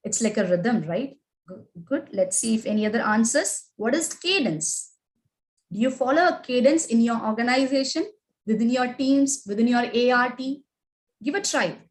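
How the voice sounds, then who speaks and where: A woman's voice: a little high, moderate pace, poor audio. A woman with an Indian English accent, teaching a live online class. She asks the class questions, reads their chat answers aloud and keeps adding "right?" and "okay?". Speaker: agile training instructor.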